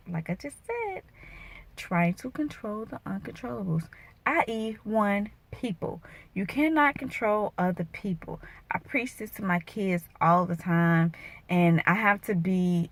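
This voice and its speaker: A woman's voice: mid-range voice, a bit bright, dry recording. A woman in her thirties, an emotional vlogger and bikini competitor, venting earnestly and turning preachy and motivational, her voice wavering at times.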